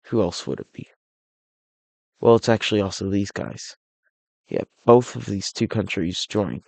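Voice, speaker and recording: A hoarse, slightly sick-sounding man with a low, gravelly, raspy voice gives casual, unhurried narration for his alternate-history map series. He wanders off track, restarting and self-correcting often. The audio is close and dry, without any echo.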